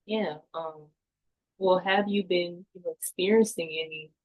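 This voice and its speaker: A woman playing a calm, sympathetic counselor in a mock session, reflecting back hesitantly like a therapist. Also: on the low side, unhurried, natural voice, rough recording. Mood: gently supportive. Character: calm, sympathetic counselor listening to a client in crisis. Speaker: counselor in a role play.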